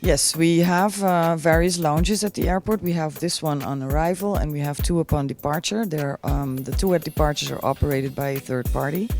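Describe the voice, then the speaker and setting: A woman's voice: low voice, normal speed, few pauses, a little mellow. Female interview guest, corporate spokesperson, careful explanatory delivery over background music. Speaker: airport executive, interview guest. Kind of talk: on-camera promotional interview. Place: airport VIP lounge.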